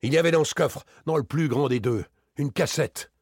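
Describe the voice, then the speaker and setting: Man putting on a shrill, raging thief. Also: moderate pace, breathy edge, no echo, clean studio sound. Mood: pressing. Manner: shrill, stammering with rage. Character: furious desperate male thief, older brother. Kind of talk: audiobook character reading.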